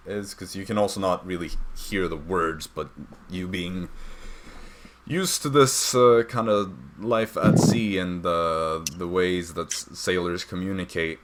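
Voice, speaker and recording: Running the tabletop session as dungeon master, this young man speaks in a low voice, hesitating often and filling gaps with filler words. The recording carries slight hiss or hum.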